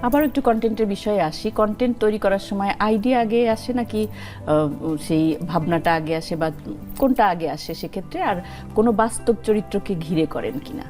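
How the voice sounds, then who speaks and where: Interviewer, woman, mellow and warm tone, calm questions, light music behind. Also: mid-range voice, moderate pace.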